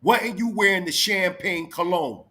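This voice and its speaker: A man's voice: high voice, expressive, moderate pace, bright, forceful tone. A man in his forties from Philadelphia, arguing his case in a heated debate, lecturing and insistently piling up examples. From Philadelphia, USA. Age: 40s.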